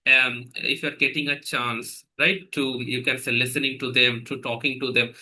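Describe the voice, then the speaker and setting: Bright-voiced Indian man. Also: mid-range voice, little pitch movement, moderate pace, slight background noise, rough recording. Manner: chatty, explains with examples and frequent "right?" tags. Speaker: English trainer. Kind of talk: casual podcast conversation.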